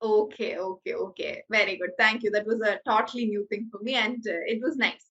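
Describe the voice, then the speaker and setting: A woman's voice: medium pitch, extremely slow, a bit bright, dull audio. A woman with a Malayali accent teaching an English class over a video call, switching between English and Malayalam and praising her students often.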